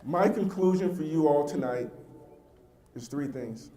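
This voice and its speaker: A man's voice: a little high, lively intonation, measured pace, warm tone, a faint crowd. Earnest male speaker in an echoey hall. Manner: emphatic, addresses the audience directly; heartfelt and earnest. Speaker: youth motivational speaker. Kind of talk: motivational speech to a young audience. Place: large event hall with a live audience. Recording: echoey hall with faint ambience.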